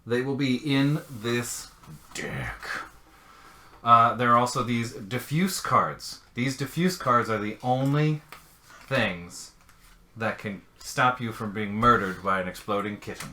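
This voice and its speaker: Male board game co-host, bright voice, playful rules rundown. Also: mid-range voice, animated, slow pace. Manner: playful, jokey. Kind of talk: casual rules explanation.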